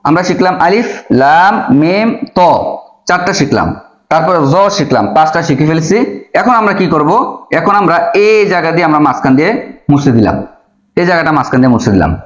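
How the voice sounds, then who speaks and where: A man with a fairly high voice teaches a careful, step-by-step lesson on Arabic letters, repeating each sound slowly. The room is echoey and the recording is a bit dull. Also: animated. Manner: patient, drawing out letter sounds again and again. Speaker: Quran teacher.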